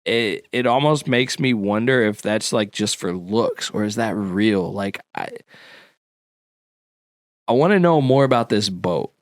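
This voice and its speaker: A man's voice: lowish voice, lively intonation, unhurried, no echo, clean studio sound. A man co-hosting a casual local podcast, laid-back and full of slang and fillers as he explains history. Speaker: podcast co-host.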